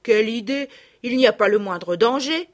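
A woman reading aloud voices Sophie, an impulsive, unhappy little girl who pleads in a high, childlike voice. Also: animated, normal speed, lightly acted. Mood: defiant.

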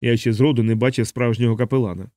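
A man voicing a sardonic young bomber captain in a hospital bed, speaking in a deadpan, mocking way. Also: mid-range voice, fast talker, dry recording, clean studio sound, natural voice.

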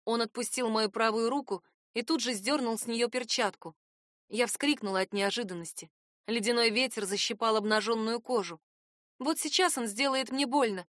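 A woman's voice: fairly high pitch, moderate pace, a bit bright, no echo, studio quality. A woman narrating a first-person audiobook in a tense, dramatic reading.

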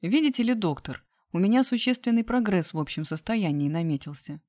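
A woman reading aloud, voicing a bedridden young man who speaks softly and wryly. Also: sits low, measured pace. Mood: sly. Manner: soft, wry. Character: bedridden young man, patient, wry and affectionate. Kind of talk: audiobook character voice.

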